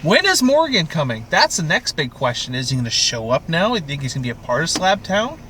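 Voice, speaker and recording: On the casual TV recap podcast he co-hosts, this Canadian man sounds very animated, fairly quick, and pushed and bright, with a voice on the high side. He rants in an exasperated, sweary way, and there's a faint hiss or hum.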